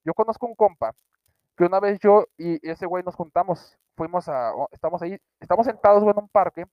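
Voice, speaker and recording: A man's voice: high voice, fairly quick, no room sound. A young Mexican man with a Mexican accent, telling a funny story in slangy casual chat, acting out quotes with sudden shrieks. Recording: dry, dull lo-fi sound.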